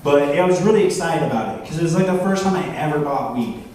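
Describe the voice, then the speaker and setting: A man in his thirties doing a stand-up set on a bar stage, self-deprecating and halting, with lots of fillers. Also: a little high, animated, darkish tone, recorded from a distance. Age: 30s. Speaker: stand-up comedian. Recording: roomy bar, from afar, faint crowd noise.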